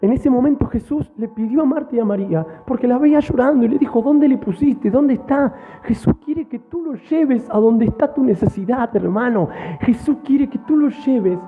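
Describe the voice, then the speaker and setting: A man's voice: very high voice, fairly quick, husky. A man preaching a fervent sermon, repeating his points and calling out straight to his listeners. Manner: fervent, repetitive direct address to listeners. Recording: tinny phone-like sound.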